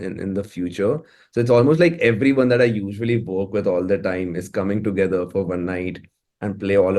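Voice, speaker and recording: With a fairly low pitch and a darkish tone, an Indian-accented man talks informally in an interview as a musician. He tends to stammer, repeating words while his thoughts come together.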